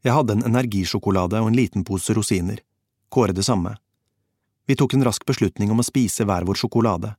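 Male audiobook narrator, measured and calm, low voice, dry studio sound. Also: dry recording. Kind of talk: scripted first-person narration.

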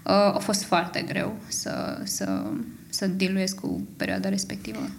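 A woman's voice: medium pitch, very animated, creaky. A young Romanian woman, a podcast guest, speaking openly and reflectively, with frequent hesitations. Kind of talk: candid conversational interview.

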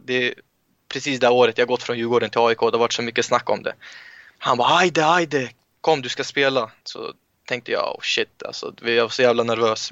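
A young man from Sweden, a footballer guest in an interview, telling relaxed anecdotes with frequent restarts. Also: mid-range voice, smooth, dry recording, lo-fi sound. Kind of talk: casual interview storytelling.

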